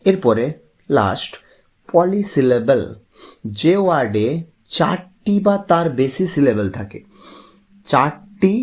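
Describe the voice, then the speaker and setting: A man teaching a grammar lesson, explaining patiently and drawing out example words slowly. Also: medium pitch, a little mellow.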